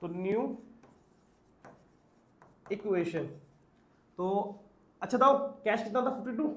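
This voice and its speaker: A man's voice: high voice, animated, slow, reverberant, slight background noise. A man teaching an accounts class, asking questions and answering them himself. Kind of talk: classroom lecture.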